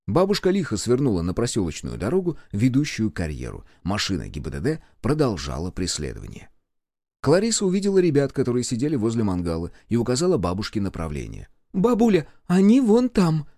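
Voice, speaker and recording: An audiobook narrator with a low male voice reads a scripted narration as expressive storytelling. He moves at a quick pace, and the studio-quality recording has no room sound.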